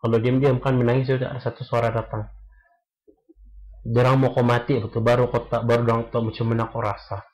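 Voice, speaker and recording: Young man, candid guest, earnest and halting, medium pitch. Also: little pitch movement, darkish tone, rough recording. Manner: earnest, halting, many restarts, mixes English into Malay. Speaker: guest sharing experience. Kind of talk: casual podcast chat.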